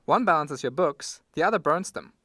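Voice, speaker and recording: A male co-host reads jokes in a deadpan way, adding computer-style beeps. His voice sits fairly high with a lively pitch, and it is recorded dry and close. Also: moderate pace, no room sound. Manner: deadpan, says "beep, beep" like a computer. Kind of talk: comedic joke reading.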